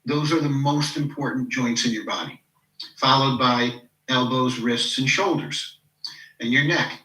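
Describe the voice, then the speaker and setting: This podcast guest, a coach in his fifties, talks in an unhurried, medium-pitched voice with a bright, forceful tone. The audio is rough and roomy, taken far from the mic, as he reflects on personal stories in a casual interview, says "you know" a lot, and voices the people he quotes.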